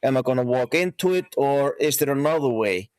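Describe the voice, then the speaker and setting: A middle-aged man from Iceland, a horse breeder and coach, talking as an interview guest in a halting way with many restarts. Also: mid-range voice, expressive, a little mellow, smooth, dry recording. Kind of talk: casual interview talk.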